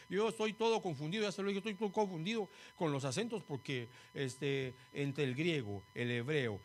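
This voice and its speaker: A man preaching a sermon, animated, calling the congregation "brother" and joking about himself. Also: on the high side.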